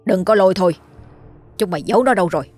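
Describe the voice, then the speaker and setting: A woman's voice: medium pitch, very fast, faint music behind, lightly acted. A woman voicing a cruel, furious old male village official who barks orders. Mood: enraged. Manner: shouting, barking orders.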